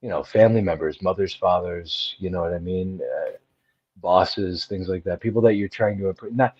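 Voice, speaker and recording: A man's voice: low-pitched, moderate pace, a little mellow, breathy edge, no room sound. A man co-hosting a casual podcast discussion, hesitant, with restarts and frequent "you know". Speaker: podcast co-host. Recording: dull lo-fi audio.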